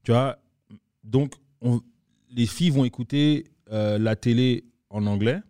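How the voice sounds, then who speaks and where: Male host, mid-pitched, teasing and easygoing, dry close recording. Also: mellow, dry recording. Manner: laughing, teasing, drawn-out exclamations. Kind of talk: casual chat.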